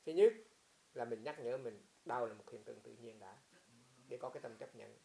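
Creaky-voiced monk with a Huế accent. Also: male voice, mid-range voice, moderate pace. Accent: Huế Vietnamese. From Huế, central Vietnam. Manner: animated storytelling, frequent rhetorical questions. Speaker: Buddhist monk teaching meditation. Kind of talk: informal dharma talk answering a student.

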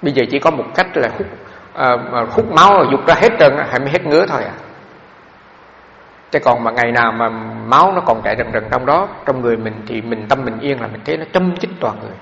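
Gravelly Vietnamese monk in echoey hall. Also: male voice, mid-range voice, animated, quick pace, fairly bright tone, a little hiss or hum. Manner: conversational storytelling with frequent fillers. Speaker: Buddhist monk teacher. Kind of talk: dharma talk. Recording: echoey hall, dull lo-fi sound.

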